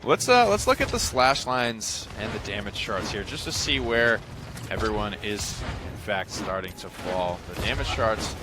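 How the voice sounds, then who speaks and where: A man's voice: on the low side, lively intonation, background noise. A man casting an esports match, breaking down stats and loadouts in a chatty, analytical way. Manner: analytical, chatty, quick bursts of speech. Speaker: esports caster. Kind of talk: esports play-by-play commentary.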